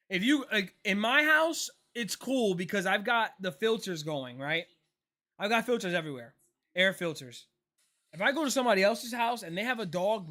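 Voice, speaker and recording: A man in his late twenties, hosting a casual live stream, chatting loosely and answering viewers while reacting to a ball game. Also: high voice. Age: 20s. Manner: relaxed, chatty, answers chat questions, says "bro". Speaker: livestream host.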